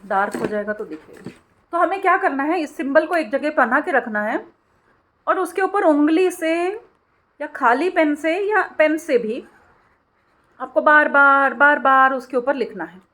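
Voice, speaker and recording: A middle-aged woman with a somewhat higher voice talks casually to her viewers, mixing English words into her talk. Her tone is chatty and personal, as if she is sharing a story with friends. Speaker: spiritual channel host.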